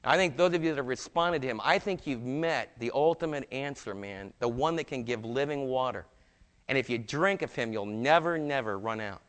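Animated preacher in a reverberant hall. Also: male voice, medium pitch, fairly quick. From New York. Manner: animated, shifting between loud emphasis and hushed quiet lines; acts out quoted dialogue in his own voice. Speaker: pastor. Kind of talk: sermon.

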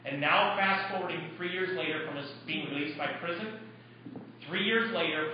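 A man's voice: fairly high pitch, a little hiss or hum. A man preaching a sermon as a pastor in a church, speaking emphatically and using rhetorical questions. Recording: echoey church hall, mic far off, dull.

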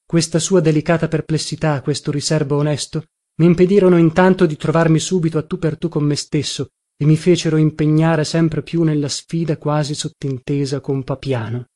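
Give me a man with a fairly high voice narrating a literary audiobook at a measured pace. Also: fairly even intonation, dark tone.

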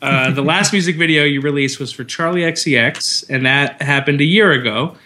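A man's voice: on the high side, fairly quick, pushed and bright. A man in his thirties from Florida, co-hosting a podcast in a joking, teasing way. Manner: joking, teasing, laughs often. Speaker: podcast co-host. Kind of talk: casual podcast chat.

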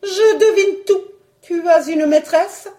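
A woman reading a storybook voices a hysterical, demanding rich baroness in a raised, shrill tone. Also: animated, slow, a little mellow. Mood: agitated.

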